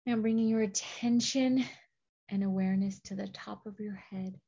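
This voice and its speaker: A woman host leading a guided meditation in a soft, soothing, breathy manner with long pauses. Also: mid-range voice, fairly even intonation. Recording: dull, lo-fi audio.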